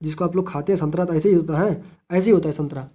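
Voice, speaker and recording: A man's voice: a little high, steady tone, fast talker, mellow. A man teaching a geography lesson, repeating key terms, asking and answering his own questions, and addressing the viewers as friends.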